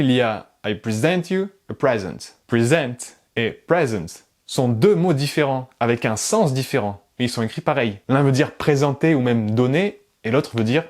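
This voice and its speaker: A man from France explaining language learning in a casual, lively way, with frequent laughs and playful asides. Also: medium pitch. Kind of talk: casual explanatory talk to camera.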